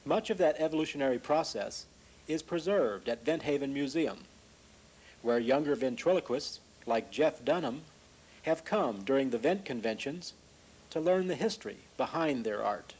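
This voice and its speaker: A man's voice: mid-range voice, animated, normal speed, a little mellow, husky, poor audio. A man reading scripted news narration.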